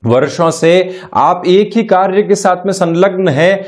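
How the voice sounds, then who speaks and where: A middle-aged male astrologer giving a spiritual self-help talk in a measured, formal way, mixing in English terms. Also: high voice.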